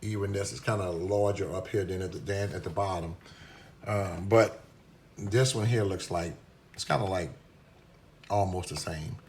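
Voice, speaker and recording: A deep-voiced product reviewer demonstrates a meter at a workbench, talking at normal speed but pausing often. Recorded on a phone camera with slight background noise, his hands-on demo is casual and hesitant, full of restarts and fillers.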